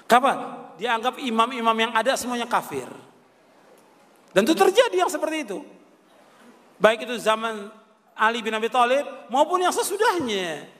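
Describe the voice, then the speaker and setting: A man's voice: very high voice, fairly bright tone. An older man preaching a religious lecture, posing rhetorical questions and answering them himself, repeating key phrases. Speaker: Islamic preacher. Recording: reverberant hall.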